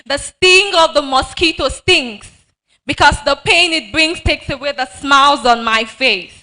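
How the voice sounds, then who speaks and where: A woman's voice: high-pitched, pushed and bright, low-quality recording. A woman reciting a dramatic rhyming spoken-word poem. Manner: slow, dramatic, rhyming delivery.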